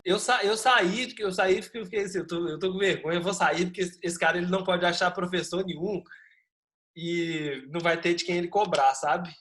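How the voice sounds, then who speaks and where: A man's voice: sits high, a little fast. A man who teaches history, telling his students a funny class-trip story before going back to the lesson. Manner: lively anecdote with acted quotes and laughter.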